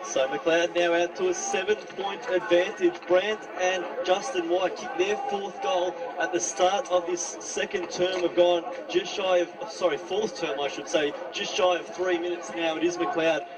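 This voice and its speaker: A man delivers a live football score update for radio. His voice is high for a man, with little movement in pitch as he runs through the numbers. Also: level tone, measured pace, hardly any pauses, poor audio.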